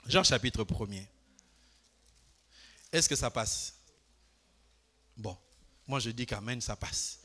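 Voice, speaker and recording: An older man preaching a Bible study to a congregation, putting questions to them and swinging between loud declarations and quiet asides. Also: mid-range voice, takes it slowly, pauses often. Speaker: pastor. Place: church.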